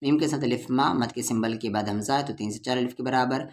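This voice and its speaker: In a mid-range voice and at a fast clip, a man with an Urdu-Hindustani accent teaches Quran reading letter by letter. He patiently spells out each syllable and stretches the vowels long.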